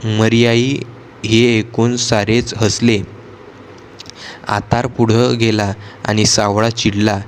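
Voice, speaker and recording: Slow, flat-voiced man reading a novel. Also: lowish voice, slight background noise. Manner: slow, steady reading with frequent restarts of words. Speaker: audiobook reader.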